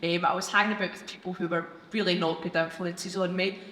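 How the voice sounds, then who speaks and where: A woman's voice: lowish voice, steady tone, a little fast, fairly bright tone. A young woman from Scotland with a strong, broad Glaswegian accent, giving earnest personal testimony on stage. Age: young adult. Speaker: youth programme graduate speaking on stage. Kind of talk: personal testimony at a live event. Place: large event hall, on stage. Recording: echoey hall, noisy, live PA sound.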